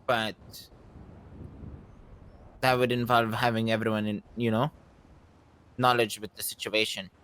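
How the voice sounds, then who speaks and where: A man in a casual roleplay conversation, speaking reflectively and haltingly, often saying "you know". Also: lowish voice, level tone, fairly bright tone, clean tone, low-quality recording. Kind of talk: in-character gaming roleplay conversation.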